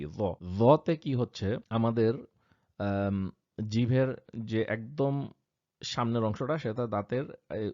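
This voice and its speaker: A man's voice: fairly low pitch, a little mellow. A man, patiently teaching Quranic pronunciation and repeating example sounds aloud. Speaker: tajweed teacher. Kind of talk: explanatory lesson. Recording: dull lo-fi sound.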